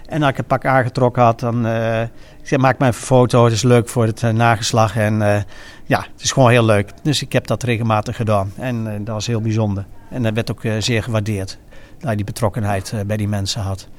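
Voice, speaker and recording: A man with a regional eastern Dutch accent reminiscing informally, speaking in a halting way and often pausing mid-sentence. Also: lowish voice, flat delivery. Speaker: former carnival prince and innkeeper recounting his carnival.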